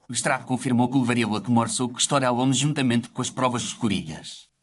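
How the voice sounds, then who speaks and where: An actor portrays a reflective, gentlemanly doctor narrating his memoirs in formal, literary first-person storytelling. His medium-pitched voice is brisk and close to an everyday speaking voice.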